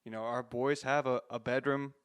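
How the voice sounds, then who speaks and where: A man's voice: medium pitch, level tone, normal speed, smooth. A man in his thirties hosting a faith-based interview, reflective and encouraging, with frequent restarts. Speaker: podcast host.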